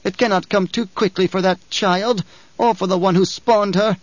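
A stern old truth-sayer woman, voiced by a male reader, spitting harsh condemnation. Her voice is raised high and sharp. The recording is muffled. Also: fairly even intonation, moderate pace, no echo, natural voice. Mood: condemning. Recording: dull lo-fi audio.

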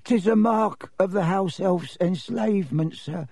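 This male voice plays a tiny storybook house elf, very high-pitched and husky, meek and deferential as it pleads obsequiously and calls itself by name in the third person. The servile, fearful creature speaks at a measured pace with a darkish tone, fully in character. The recording is close and dry, without echo.

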